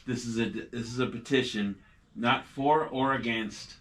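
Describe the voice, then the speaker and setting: A man's voice: mid-range voice, steady tone, slow pace, far from the mic. A man hosting a podcast in casual chat, laid-back and swearing freely, filling his talk with "like" and "yeah". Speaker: podcast host.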